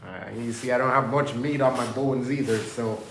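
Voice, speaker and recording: Speaking at a moderate pace in a mid-range voice, a man from Jamaica vlogs to camera inside a workplace being renovated. He rambles loosely and casually, preaching self-motivation, while the echoey room carries faint ambience and slight background noise.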